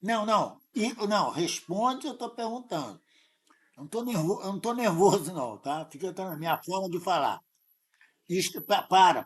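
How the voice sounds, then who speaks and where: A man with a Brazilian Portuguese accent tutoring a student in math, insistent and correcting them often. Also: sits high. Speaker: math teacher. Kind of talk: live tutoring lesson.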